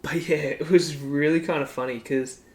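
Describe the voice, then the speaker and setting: A man's voice: fairly high pitch, steady tone, normal speed, a little mellow. An Australian man co-hosting a podcast, chatting casually about sports in a rambling way, laughing often and saying "like" a lot. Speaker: podcast co-host.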